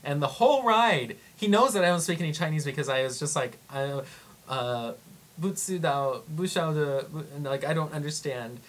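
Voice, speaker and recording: A young man telling travel stories in a casual vlog, rambling and excitable, full of "like" and acted-out quotes. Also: a little high, a little fast. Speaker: vlogger.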